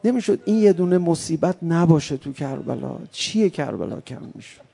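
A man preaching an impassioned mourning sermon, moving from soft pleading to loud cries. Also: fairly high pitch, animated, gravelly, slightly rough.

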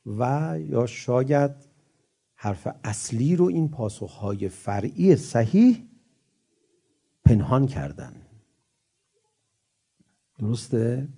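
Gravelly, animated male preacher. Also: medium pitch. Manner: chants scripture verses slowly, then explains them in lively talk; animated storytelling with rising emphatic peaks. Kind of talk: religious sermon.

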